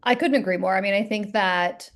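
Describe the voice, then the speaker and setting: A woman co-presenting a training session, telling stories in a quick, animated way. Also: mid-range voice. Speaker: team leader and co-presenter. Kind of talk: casual training talk.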